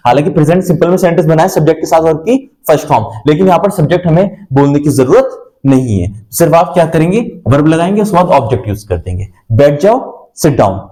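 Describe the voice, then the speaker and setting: Male teacher, fairly high, mellow tone, patient classroom explainer who repeats examples. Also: lively intonation, quick pace, reverberant, poor audio. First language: Hindi. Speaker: English teacher. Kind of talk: classroom grammar lesson.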